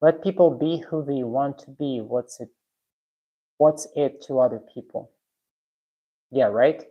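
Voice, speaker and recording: At a measured pace and in a bass voice, a Russian woman talks on her live stream from her home garage, reading viewers' comments. The sound is lo-fi, and she's frank and blunt, often restarting her sentences.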